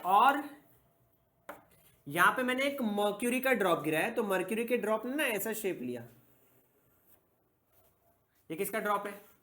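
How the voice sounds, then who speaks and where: A male physics teacher giving a classroom lecture, posing questions and answering them himself, repeating key words slowly. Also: high voice, very animated, bright, forceful tone.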